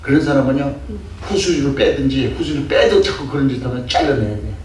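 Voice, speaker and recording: A man's voice: mid-range voice, expressive, fast, darkish tone. An older man preaching a sermon as a pastor, emphatic and full of rhetorical questions, sometimes acting out scolding. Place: church sanctuary. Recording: echoey distant church mic with faint noise.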